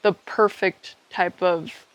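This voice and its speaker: On a dry but rough recording, a young woman from Ecuador reflects candidly on her own story as a podcast co-host. Her fairly low voice holds a steady tone, and she takes her time, thinking aloud and drifting into trailing asides.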